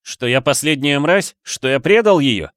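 A man voicing an anguished, guilt-ridden young man who is quick to fly into a rage, raised well above his own voice. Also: a little high, expressive, no echo, studio quality, pitched above the performer's own voice. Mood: furious. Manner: tense, shouting outbursts. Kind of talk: audiobook character voice.

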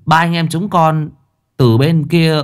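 A polite village boy answers respectfully in a raised, slightly brighter voice, as a male narrator puts him on. The tone is courteous and eager. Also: a little high, steady tone, slow, pitched above the performer's own voice.

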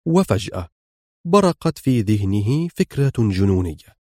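A man narrating a thriller audiobook in a dramatic, lively storytelling manner. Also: medium pitch, moderate pace, dry recording, studio quality.

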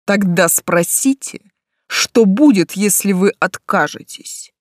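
A woman's voice: mid-range voice, lively intonation, a little slow, no room sound, clean studio sound, natural voice. A woman reading the part of a spiteful, arrogant male count with a snide, clipped manner. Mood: menacing.

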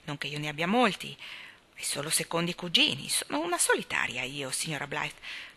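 A woman's voice: low voice, sing-song, normal speed, pitched below the performer's own voice, full character voice. A woman reading an audiobook, voicing a blunt, opinionated older spinster who scorns men. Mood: tart. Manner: tart, opinionated, sharp-tongued.

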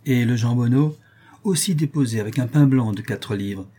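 Reader doing a cowed old fence: lowered, quiet, husky, grudging. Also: male voice, moderate pace, natural voice. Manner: subdued, grudging and low. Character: fretful older male fence, reluctant and grumbling. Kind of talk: audiobook character voice.

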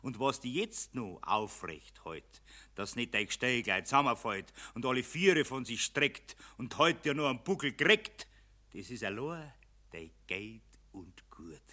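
Sly gloating male money spirit played by an actor, Bavarian stage verse, bright voice, deliberate pace. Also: mid-range voice, sing-song, heavily acted. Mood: gloating menace. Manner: taunting, theatrical, swooping from shouts to hushed menace. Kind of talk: verse morality play in dialect.

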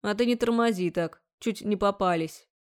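A brash, bossy young man, as a woman narrator voices him, cocky and mockingly sweet. His lines come a little higher and louder than the narration, in a storybook reading. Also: normal speed, clear, resonant tone, natural voice. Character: cocky, pushy young man, rector's son. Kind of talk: audiobook character voice.

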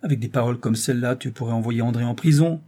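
A man's voice: mid-range voice, fast, mellow, lightly acted. A man voicing a cautious, secretive middle-aged husband in an audiobook, earnest and confiding. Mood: alarmed. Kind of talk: audiobook character reading.

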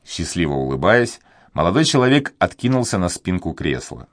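A man narrating an adventure novel in a measured storytelling manner. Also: deep voice, sing-song, no echo, studio quality. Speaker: audiobook narrator. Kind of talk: scripted narration.

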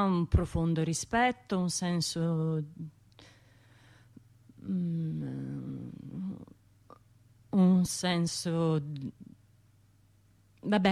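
An actress with a lowish female voice performs a radio drama monologue as a troubled bombing survivor. She speaks in a halting, self-questioning, conversational way, sounding hesitant and apologetic.

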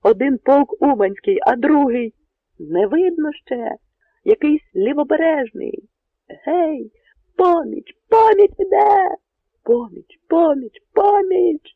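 A man voicing a young male Cossack sentry who shouts in loud excitement, in an audiobook reading. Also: extremely high pitch, slow, vocal fry, dry recording, pitched above the performer's own voice, full character voice. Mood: shouting, jubilant. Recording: narrow phone-like radio sound.

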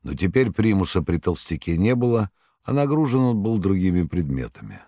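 A man narrating a novel in a measured, expressive audiobook reading. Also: sits low, no echo, studio quality. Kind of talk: scripted literary narration.

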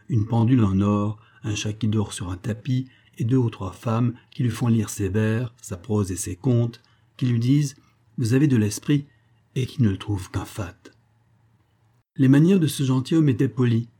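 A man reading a literary tale aloud in a measured, even storytelling manner. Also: fairly low pitch, slightly rough. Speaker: audiobook reader.

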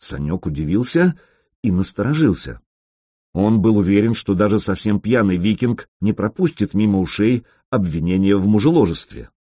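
A man reading a novel aloud as narrator, with wry, lively storytelling. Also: fairly low pitch, breathy edge, no room sound, studio quality. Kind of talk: audiobook narration.

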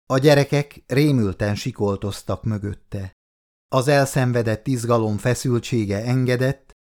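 A man narrating an audiobook in a dramatic way, acting out the characters' lines. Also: medium pitch. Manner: dramatic, voices the dialogue.

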